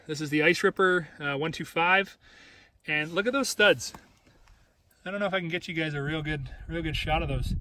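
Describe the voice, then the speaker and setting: A man's voice: on the high side, pushed and bright. A man giving a casual, rambling walkaround review of a snowmobile outdoors, filming on a handheld phone, with many restarts and filler words. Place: outdoors on snow beside a snowmobile. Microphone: handheld phone camera. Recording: outdoor phone recording with engine noise.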